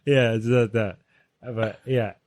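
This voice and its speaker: A man's voice: mid-range voice, steady tone, slow pace, darkish tone, no room sound. A young man co-hosting a casual podcast, reading out history facts in a laid-back way, swearing freely and calling his friend "bro.". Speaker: podcast co-host.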